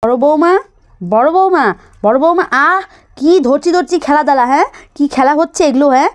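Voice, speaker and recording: A woman's voice: sits high, brisk, lightly acted. Woman doing a nagging old granny. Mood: scolding. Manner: nagging, scolding, repeats "hm?". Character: grumbling scolding old grandmother, bossy mother-in-law.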